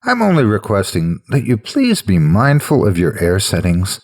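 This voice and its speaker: A man voicing a polite, apologetic creature from a horror story, speaking formally in a low, haunting, gravelly voice. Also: wildly swooping pitch, normal speed, a little mellow. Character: polite, apologetic unseen creature living in the walls.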